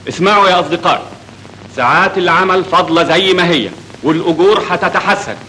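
A young factory director giving a speech, bright ringing voice, quick, faint hiss. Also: male voice, high-pitched, rough recording. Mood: earnest. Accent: Egyptian Arabic. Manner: speechmaking, measured. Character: dignified young engineer addressing workers, calm.

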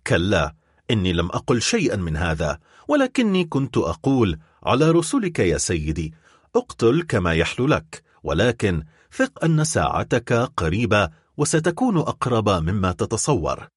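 A man's voice: on the low side, wildly swooping pitch, normal speed, breathy edge, dry recording, clean studio sound, exaggerated voice. A man voicing a scornful old conspirator. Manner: sarcastic, cold and taunting. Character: scornful old male Bonapartist conspirator, the father. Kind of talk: audiobook character reading.

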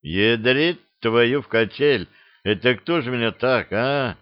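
A man playing a blunt, rough-spoken gang chief. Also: medium pitch, takes it slowly, no echo, lightly acted. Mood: gruff. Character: blunt male gang leader, gruff and easygoing. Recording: slightly dull dry recording.

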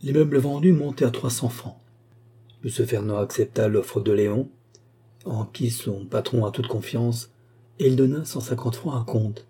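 A man's voice: medium pitch, normal speed, warm tone, slightly rough, lightly acted. A man reading a chatty, naive young working girl. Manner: chatty, matter-of-fact recounting. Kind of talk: audiobook character reading.

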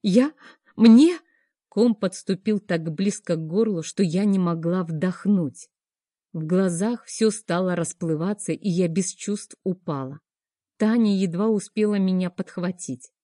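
A woman reads a first-person story aloud, dramatic and full of feeling. Her voice is mellow and warm. The sound is dry and close-miked. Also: fairly low pitch, unhurried, no echo. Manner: emotional, dramatic reading. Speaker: audiobook narrator.

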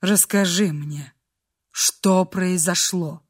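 Woman doing a low-voiced brooding man. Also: extremely slow, husky, exaggerated voice. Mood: soothing. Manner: low, pleading then commanding. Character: stern brooding man, lover of the heroine.

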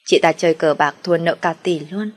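A woman narrating a first-person family story in a steady, plain reading voice. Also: low-pitched, normal speed.

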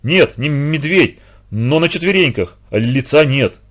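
A man's voice: on the high side, animated, unhurried. Man doing a terrified young boy Lyoshka. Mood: scared. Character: frightened, shaky young boy.

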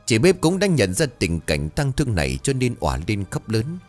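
A man narrating a ghost story in a dramatic, expressive storytelling style. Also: medium pitch, moderate pace, soft background music.

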